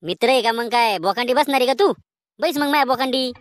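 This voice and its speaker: A woman's voice: fairly high pitch, fast, heavy background noise, close to an everyday voice. A woman voicing cheeky, quarrelsome village schoolboys in a cartoon, with a Khandeshi Marathi accent and a whiny, bickering manner. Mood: accusing. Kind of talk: cartoon voice acting.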